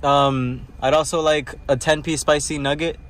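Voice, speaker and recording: A man's voice: fairly high pitch, level tone, moderate pace, fairly bright tone. A man ordering food at a drive-through from a car, in a casual, offhand way. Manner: casual, teasing. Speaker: vlogger.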